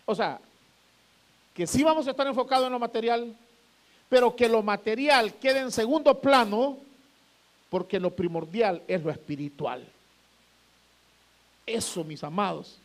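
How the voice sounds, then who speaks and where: A pastor with a strikingly high voice preaches a sermon. He stretches out key phrases and climbs to forceful emphatic peaks, then drops low on the words addressing his congregation. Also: a little slow, pauses often.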